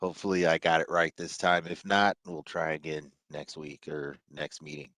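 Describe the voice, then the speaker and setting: A man's voice: extremely low pitch, level tone, moderate pace, a bit bright, no room sound. A man relaying viewer questions in a virtual club meeting, easygoing and a little self-deprecating, over a video call. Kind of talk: casual meeting talk.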